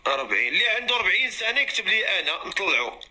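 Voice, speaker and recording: A man with a Moroccan Arabic accent runs a live matchmaking stream and calls out to viewers and callers as he goes. His voice sits high and sounds sharp and bright. He talks at a very fast clip. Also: sing-song, low-quality recording.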